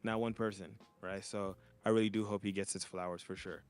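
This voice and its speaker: This Montreal, Canada man speaks quite quickly in a lowish, clean voice with little pitch movement, soft music playing behind him. As a DJ and podcast co-host on a video call, he chats casually from home, a child playing nearby, rambling loosely with plenty of fillers in a laid-back way.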